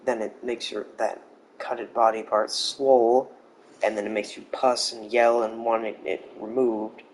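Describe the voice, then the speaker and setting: A man casually telling a made-up story, rambling and halting with restarts and the odd swear word. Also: on the low side, level tone, a little hiss or hum, rough recording.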